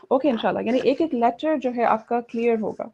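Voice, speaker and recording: Female teacher, fairly high voice, online class, muffled call audio. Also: darkish tone, husky. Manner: mixes in English, asks students questions. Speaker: Quran recitation teacher. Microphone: video call.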